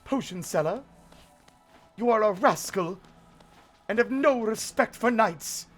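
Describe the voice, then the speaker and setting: A man's voice: high voice, sing-song, a little slow, breathy edge, soft background music, voice pushed up, heavily acted. A man voicing a pompous, demanding knight who declaims proudly. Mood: indignant. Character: pompous, demanding male knight buying potions.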